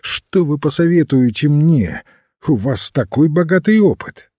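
An eager, easily alarmed young gentleman, as a male reader plays him, his lines rising in lively swings over a husky, mellow tone. The delivery stays unhurried, and the dry, close recording has no room sound. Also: fairly high pitch, no room sound, pitched above the performer's own voice. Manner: eager, agitated. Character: excitable, earnest young gentleman.

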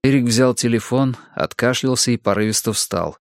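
A man in scripted audiobook narration, reading in an even, measured way. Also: mid-range voice, no room sound, studio quality.

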